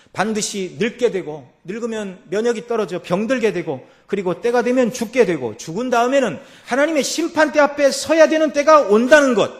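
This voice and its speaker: A man preaching a Sunday sermon as pastor. He swings from quiet passages to loud, emphatic peaks and asks the congregation rhetorical questions. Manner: rising to loud emphatic peaks, then dropping low. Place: church sanctuary.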